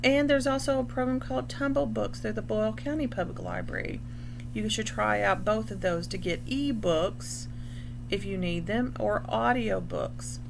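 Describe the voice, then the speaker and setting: A school librarian with a medium-pitched, gravelly voice reads a picture book aloud to young children against a noisy background. Her read-aloud is instructional, and she explains things as she goes, pausing to define words.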